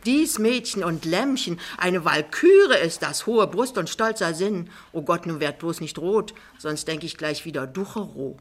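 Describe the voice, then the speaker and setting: A woman's voice: on the low side, lively intonation, unhurried, few pauses. A woman reading an audiobook, voicing a vain, thrifty middle-aged mother with a gushing, bossy and theatrical manner.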